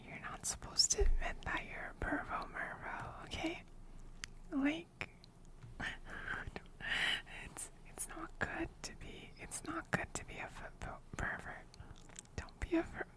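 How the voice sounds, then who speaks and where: Girl streamer whispering right in your ear asmr style, real slow, kinda coy n teasing. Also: very high voice, steady tone. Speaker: livestreamer. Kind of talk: ASMR whispering to livestream chat. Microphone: close microphone.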